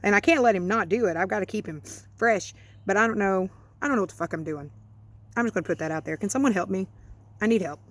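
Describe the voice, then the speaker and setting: A woman's voice: medium pitch, fast talker. A woman venting in a casual vlog about home-schooling her child, exasperated and self-mocking, swearing freely as she talks from her porch. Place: outdoors on a porch.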